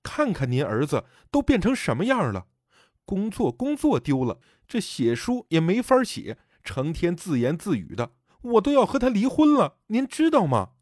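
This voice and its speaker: Fed-up scolding wife, man doing her, pitch jumps high, storybook, dry recording. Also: wildly swooping pitch, moderate pace, a little mellow, no echo. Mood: indignant. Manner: indignant, scolding. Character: angry exasperated wife, middle-aged woman.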